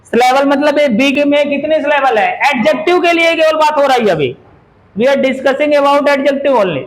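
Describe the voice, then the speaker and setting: On a rough recording, a man with a very high voice and lively intonation teaches grammar at a moderate pace. He peppers the class with questions and drills vocabulary by saying words repeatedly.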